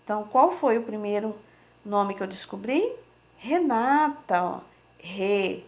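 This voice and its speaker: A woman teacher speaks slowly and patiently to young children in a remote lesson. Her voice sits fairly high for a woman. She sounds out each word syllable by syllable. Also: lively intonation. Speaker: primary school teacher.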